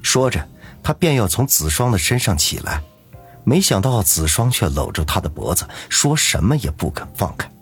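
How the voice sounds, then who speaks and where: A man narrating an audiobook in a lively, dramatic storytelling manner. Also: on the low side, normal speed, faint music behind.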